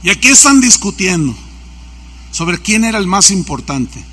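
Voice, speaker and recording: Male pastor, high bright voice, storytelling sermon style. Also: sing-song, normal speed. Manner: anecdotal, acts out quoted dialogue.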